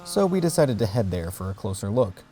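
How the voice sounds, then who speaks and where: A man's voice: on the low side, big pitch swings, brisk, music in the background. A man hosting a travel show, reading scripted voice-over with dry, tongue-in-cheek humor. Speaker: host and narrator.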